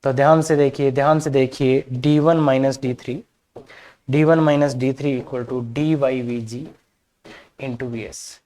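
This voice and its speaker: A man's voice: mid-range voice, steady tone, a little slow, dark tone. A man teaching a maths class, chatty, mixing English terms into his talk and calling the students kids. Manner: addresses students as kids, asks rhetorical questions. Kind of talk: classroom lecture on coordinate geometry.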